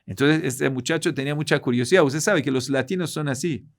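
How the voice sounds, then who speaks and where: Man giving a lively religious lecture. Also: a little high, a little fast, gravelly. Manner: lively storytelling, swings between loud emphasis and quiet asides. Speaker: Islamic cleric and teacher.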